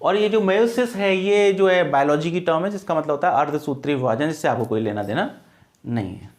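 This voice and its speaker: A man teaching an exam-prep English lesson, with a voice that sits a little higher than most men's. He keeps asking his students a question and then answering it himself, and he stretches out the key words so they stick. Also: lively intonation, brisk.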